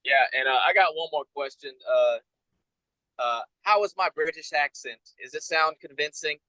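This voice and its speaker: A man with a Southern American drawl chats as a podcast guest, laid-back and joking. His voice is bright and fairly high, and the sound is dry and close, with no room echo. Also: normal speed. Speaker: guest musician. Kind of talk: casual podcast chat. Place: inside a noisy RV.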